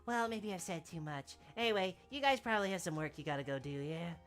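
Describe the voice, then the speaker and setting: A woman's voice: on the low side, lively intonation, fast, lightly acted. Lady voicing a rude cocky game veteran, talks down to rookies, faint music under it. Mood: condescending. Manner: condescending, brusque. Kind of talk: video game dialogue read aloud by a streamer.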